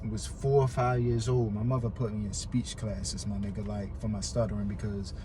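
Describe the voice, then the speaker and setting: An American man who stutters talks casually and emphatically as a podcast guest, using heavy slang and swearing, against a noisy background. His voice is fairly low and level at a moderate pace, full of word and syllable repetitions, and he repeats himself for emphasis.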